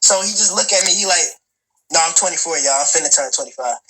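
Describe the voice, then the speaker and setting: A man's voice: fairly high pitch, fast, background noise. A man in his twenties telling a long personal story in a profane, rambling way, stammering, restarting and turning to talk straight to his listeners. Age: 20s. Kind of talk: casual storytelling.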